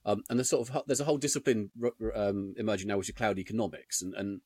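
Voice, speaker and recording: A man's voice: fairly low pitch, fairly even intonation, fast, a little mellow, breathy edge, no room sound, clean studio sound. A man hosting an interview podcast in a chatty, unscripted way, his diction slightly slurred and sticky-lipped. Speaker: podcast host, IT consultant.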